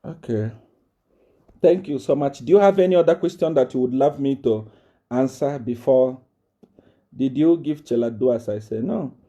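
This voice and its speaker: A man's voice: mid-range voice, moderate pace, mellow, muffled recording. A man ranting on a live stream, boastful and threatening, repeating himself often. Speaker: self-styled prophet addressing viewers. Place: South Africa.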